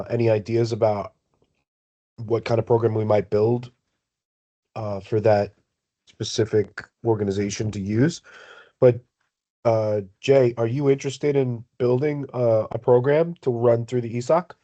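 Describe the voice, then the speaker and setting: A man on a video call explaining things in an online work meeting, speaking in a measured, halting way as the project lead. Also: mid-range voice, fairly even intonation, warm tone, dull audio. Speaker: project maintainer leading a community meeting.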